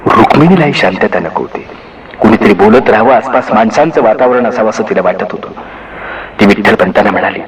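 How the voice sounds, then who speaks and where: A man narrating a novel as a solo dramatic reading, in an expressive, lyrical storytelling style. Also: fairly low pitch. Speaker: author and narrator. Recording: music behind the voice.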